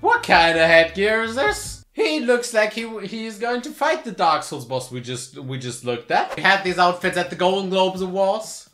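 Guy roasting outfits, bouncy pitch, lots of "what is that", roomy echo. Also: very animated, moderate pace, few pauses, a bit bright. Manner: mocking, exclaiming, rhetorical questions. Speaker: YouTuber reacting to fashion looks. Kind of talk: comedic reaction commentary.

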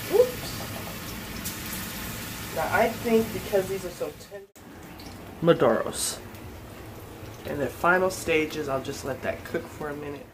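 A woman's voice: on the low side, noisy background. A middle-aged woman hosting a casual home cooking show from her kitchen, chatty and upbeat, talking straight to viewers.

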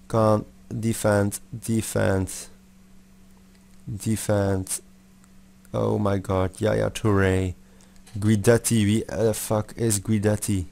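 A young man giving excitable live gameplay commentary, swearing often and mixing in English. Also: lowish voice, extremely slow, creaky. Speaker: gamer.

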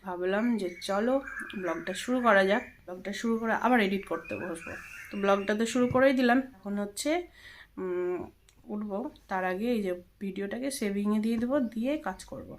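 A woman's voice: medium pitch, brisk, rough recording. A woman in her thirties from Bengal chatting casually through her home vlog as she explains her chores. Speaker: vlogger. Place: home kitchen and bedroom.

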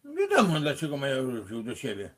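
A man's voice: medium pitch, wildly swooping pitch, moderate pace. A man in a casual street argument, mocking and swearing crudely.

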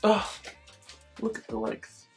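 Speaking at a slow pace, a beauty vlogger in her thirties talks playfully through a casual wig tutorial. She's in her bedroom with shelves, and faint music can be heard behind her.

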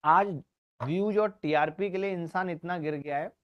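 A man who teaches maths, talking to students in a live online class in a loud, scolding, preachy way. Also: sits high, normal speed, clear, resonant tone, highs cut off. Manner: speaks loudly to be heard.

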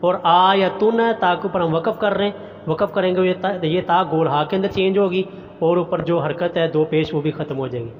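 A high-pitched male Quran teacher who chants each verse in slow, drawn-out tones, then explains the rules briskly. The sound is dull and lo-fi, with a long reverb tail and a faint hiss underneath. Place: online class recording.

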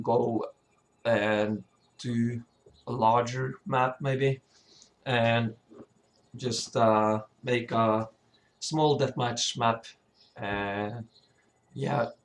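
Male tutorial presenter, slow and hesitant, mid-pitched, voice cracking from sickness. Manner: hesitant, often stumbling and throat-clearing. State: sick, sore voice. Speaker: tutorial presenter, level designer. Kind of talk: informal software tutorial.

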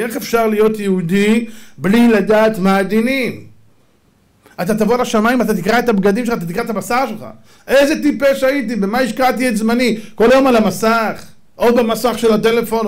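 A man with a high voice preaches a sermon as a rabbi, full of drama. He rises to loud outbursts, drops to hushed low passages, and acts out imagined dialogues as he goes. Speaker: rabbi giving a Torah lecture.

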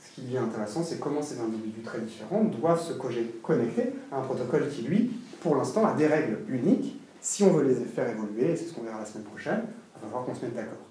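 A man giving a seminar lecture in an animated, emphatic way, with frequent restarts and asides. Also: mid-range voice, fast talker, hardly any pauses, slight background noise. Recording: echoey room, mic far off.

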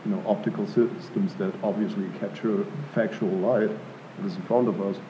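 On an art gallery panel in front of a live audience, a man in his thirties from Germany responds in a low-ish, fairly even voice at a moderate pace. His answers are reflective and halting, full of fillers and restarts. The table mic on a stand gives a dull lo-fi room sound with background noise.

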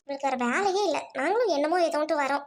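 A woman's voice: high-pitched, lively intonation, fast, very noisy, voice pushed down. A woman doing a brash, scolding college girl. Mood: furious. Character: bossy young college girlfriend, brash and scolding. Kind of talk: Tamil audio drama acting.

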